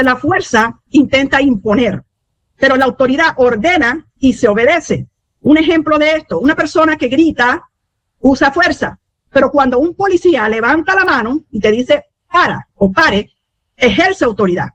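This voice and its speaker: A woman preaching a teaching sermon, often pausing with "eh" and saying amen between points. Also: high-pitched, no room sound, muffled recording. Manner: fillers and restarts, frequent amen.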